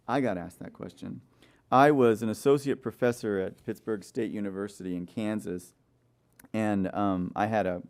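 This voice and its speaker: A man giving a sermon-style Bible study lecture, telling stories and throwing rhetorical questions at his listeners. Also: fairly low pitch. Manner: storytelling with rhetorical questions to the audience; frequent "okay?" checks with listeners.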